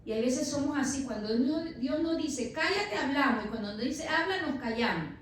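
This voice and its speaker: A woman pastor in her thirties preaches a sermon emphatically, calling the congregation "brother." Her high voice is lively in intonation at normal speed, and the recording sounds like an echoey church captured from far off, with faint noise.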